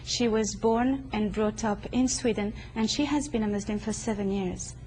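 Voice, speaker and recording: Woman interviewer, poised and formal, dark mellow tone, faint noise behind. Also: mid-range voice, moderate pace, low-quality recording. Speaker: host. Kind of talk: studio-style interview. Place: a private home.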